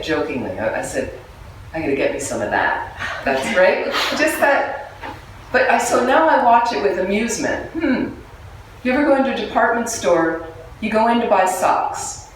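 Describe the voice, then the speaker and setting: A woman gives a relaxed, humorous Buddhist teaching and keeps turning questions back to her listeners. Her voice rings through a strongly reverberant room. She sits away from the microphone, with a faint murmur of ambience underneath. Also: mid-range voice, far from the mic, slight background noise. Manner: conversational, humorous, asks the audience questions. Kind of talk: dharma talk to a live group.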